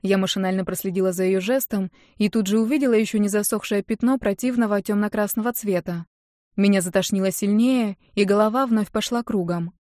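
A woman narrating a first-person audiobook in a calm, even storytelling manner. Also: mid-range voice, a little fast, no echo, studio quality.

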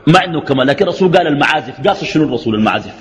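A man's voice: on the high side, animated, racing. A man with a Sudanese Arabic accent teaching a religious lesson, arguing through a stream of rhetorical questions. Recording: echoey hall reverb.

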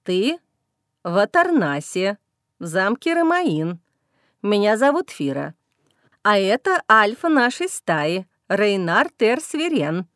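A woman reading an audiobook voices a plump, gentle female werewolf who speaks softly and calmly. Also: medium pitch, no room sound, clean studio sound. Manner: soft, measured.

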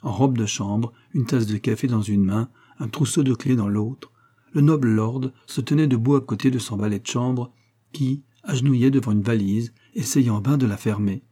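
Mellow husky male audiobook narrator. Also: medium pitch. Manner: measured storytelling.

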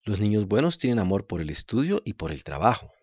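A man voicing a kind, patient, motherly fairy woman who speaks softly and scolds gently. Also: fairly low pitch, brisk, slightly rough, dry recording, highs cut off, heavily acted. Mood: gentle. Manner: calm soft-spoken, gently scolding.

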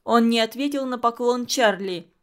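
A woman narrating a novel aloud in an expressive, dramatic reading style. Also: on the high side, normal speed.

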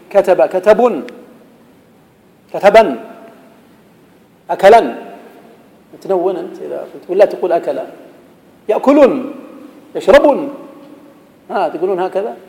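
Male teacher, classroom lesson, raspy fry, long hall reverb, quizzing students. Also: sits high, darkish tone. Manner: quizzes students, recites verse. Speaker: grammar teacher.

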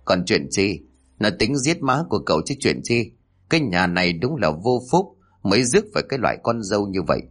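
A man voicing a nagging, sharp-tongued old mother-in-law who scolds and wails melodramatically. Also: lowish voice, sing-song, a little fast, breathy edge, heavily acted. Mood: abusive.

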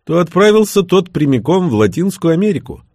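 A boastful, teasing former commando in middle age, pitched well above the reader's own voice. A man acts him out with a husky, lively delivery. The sound is close and dry. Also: a little fast, no echo, heavily acted. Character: sly middle-aged ex-commando, now hotel owner.

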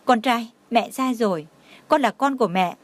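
A woman's voice: on the high side, expressive, moderate pace, no room sound, close to an everyday voice. A woman voicing a desperate young mother in an audio story, pleading and tearful. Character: desperate young mother searching for her son.

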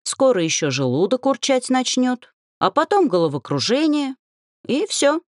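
A bickering half-gnome young man from a fantasy storybook, put on by a woman reader. He sounds cocky and lectures the others, his voice pitched up and swinging widely. The recording is dry and close. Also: sing-song, moderate pace, no room sound. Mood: teasing. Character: half-gnome young man, short, teasing know-it-all.

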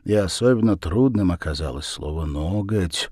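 A man narrating a children's storybook in an expressive, sing-song reading manner. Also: on the low side, normal speed, no room sound, clean studio sound.

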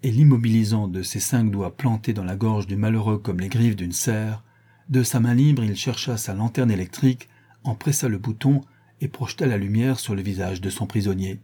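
Dark, husky male narrator. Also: lowish voice, normal speed. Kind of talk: audiobook narration.

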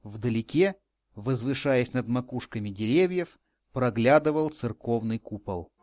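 A man reads a first-person audiobook in a measured, wry storytelling manner. His voice sits at a middle pitch. The recording is dry and close, with no room sound. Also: a little mellow, no echo. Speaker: audiobook narrator. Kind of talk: scripted first-person narration.

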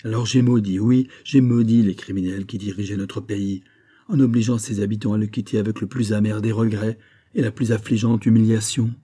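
A man's voice: fairly even intonation, brisk, breathy edge. A man voicing a grieving older mother who speaks with raised, emotional intensity. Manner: raised pitch, louder, emotional.

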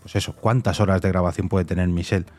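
A podcast host with a Castilian Spanish accent leads an informal, reflective interview, repeating phrases for emphasis. His deep, darkish voice holds a steady tone, and he talks fast.

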